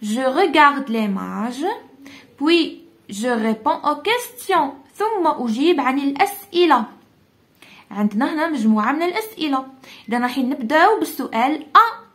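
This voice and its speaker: A woman with an Algerian Arabic accent teaching pupils a French textbook exercise, saying the French slowly and explaining it more quickly. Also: sits high, big pitch swings, a bit bright. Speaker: primary school teacher.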